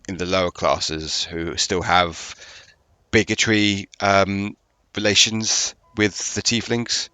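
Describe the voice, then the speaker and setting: A man with a Northern English accent narrating a tabletop game as dungeon master, halting, with many fillers and restarts. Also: low-pitched, sharp tone, clear, resonant tone, no echo.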